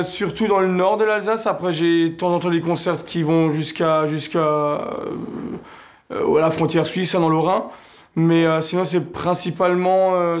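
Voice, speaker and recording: Young man, singer in an interview, slightly high voice, halting, filler-heavy delivery. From Alsace, France. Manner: hesitant, many fillers and restarts. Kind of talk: interview answers.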